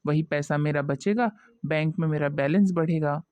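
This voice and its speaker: A woman voicing a stingy, grumpy village husband in a cartoon, gruff and dismissive. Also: deep voice, moderate pace, darkish tone, no room sound, lightly acted. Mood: grumbling. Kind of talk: cartoon voice acting. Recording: dull lo-fi dry audio.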